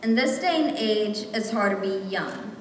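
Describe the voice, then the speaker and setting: Reciting slam poetry, this young woman delivers the lines with passion, rhythm and emphasis, her mid-range voice lively in intonation and slightly slow. The recording comes from a distant mic in an echoey hall, with a little background noise.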